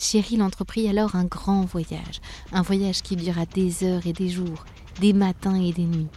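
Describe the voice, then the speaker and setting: A woman narrating a children's story in a gentle, expressive way. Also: fairly low pitch.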